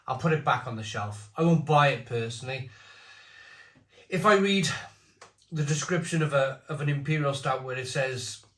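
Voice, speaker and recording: Blunt and opinionated, a forties-aged man reviews a beer casually, drifting off into rambling tangents. He sounds a little high and a bit bright, and the room gives off a noticeable echo.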